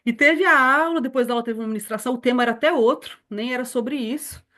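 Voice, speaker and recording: Missionary woman in her forties teaching a church lesson, earnest personal testimony, slightly high voice. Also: quick pace, fairly bright tone. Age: 40s. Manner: earnest, storytelling, addresses listeners as beloved.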